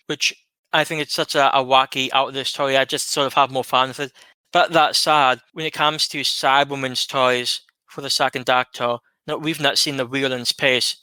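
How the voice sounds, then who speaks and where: Measured male co-host with a bright, smooth, resonant voice. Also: mid-range voice, no room sound. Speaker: podcast co-host. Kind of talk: casual chat.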